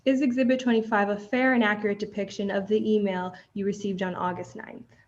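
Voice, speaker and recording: Heard through a lo-fi courtroom recording, a young woman trial advocate formally and deliberately questions a witness and speaks to the bench. Her voice is medium-pitched with fairly even intonation.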